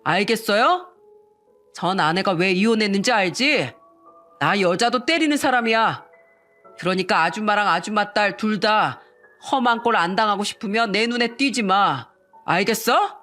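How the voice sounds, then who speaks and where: A woman's voice: medium pitch, expressive, moderate pace, a bit bright, faint music behind, lightly acted. A woman reading the lines of a young male con-man fiancé, mocking and threatening in a synthetic-sounding voice. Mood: sneering.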